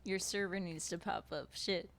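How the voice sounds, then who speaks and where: A woman game master chats through a live-streamed tabletop session. She is loose and self-deprecating, with plenty of fillers. Her voice sits a little low. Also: normal speed, vocal fry, fairly bright tone.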